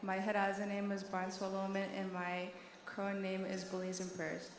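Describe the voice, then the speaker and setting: A woman's voice: mid-range voice, monotone, moderate pace. A woman from North Dakota giving a formal self-introduction as visiting powwow royalty. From North Dakota, United States. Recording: echoey sound system, faint background noise.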